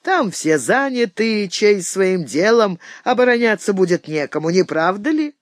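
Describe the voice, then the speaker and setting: Brief: teasing old knightly lord, jovial and lively in pitch, read by a male narrator. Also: unhurried, no echo, clean studio sound. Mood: mocking, jovial. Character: old boastful castle lord, mocking.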